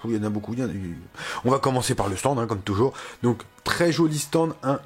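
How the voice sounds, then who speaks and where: Husky, chatty French man reviewing figures. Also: fairly high pitch. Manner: chatty, enthusiastic, slangy, self-mocking. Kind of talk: casual unboxing review.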